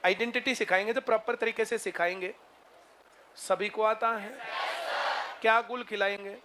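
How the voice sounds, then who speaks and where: A man's voice: high voice, steady tone, normal speed. A male math teacher lecturing a classroom, constantly asking students if they understood. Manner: drills students with repeated checking questions. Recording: noisy classroom with crowd murmur.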